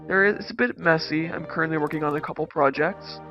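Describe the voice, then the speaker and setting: A man speaking through a voice changer as he hosts a relaxed, easygoing tour of his game world. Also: on the high side, fast talker, muffled recording. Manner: laid-back, easygoing, talks while touring his builds. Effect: voice changer disguising his voice. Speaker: gaming channel host. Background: background music.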